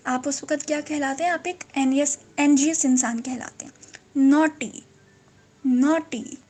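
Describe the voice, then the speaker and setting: A woman teaching English vocabulary, repeating each word slowly and clearly. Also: high voice, a little mellow. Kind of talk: vocabulary lesson.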